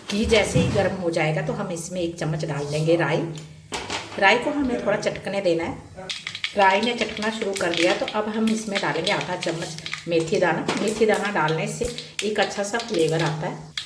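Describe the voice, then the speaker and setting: In her home kitchen, a woman with a voice on the low side presents a step-by-step cooking tutorial, explaining each stage and repeating steps. Roomy echo and loud cooking sounds fill the recording, including sizzling, stirring and clicking.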